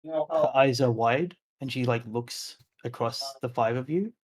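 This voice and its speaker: A man narrating as game master of a tabletop role-playing session, in a measured, unhurried way with frequent filler words. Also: mid-range voice, husky.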